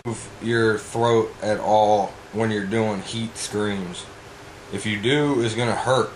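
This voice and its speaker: A man's voice: on the low side, steady tone, slow, a little hiss or hum, poor audio. A man giving a casual, informal vocal tutorial as a coach, rambling and blunt with frequent swearing.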